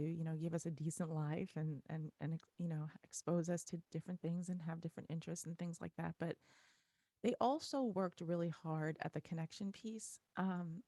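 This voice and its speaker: A woman's voice: fairly low pitch, mellow, no echo. A middle-aged woman, a podcast guest, talking reflectively and a little shakily, with many fillers and restarts. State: voice a little shaky. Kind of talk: casual interview conversation.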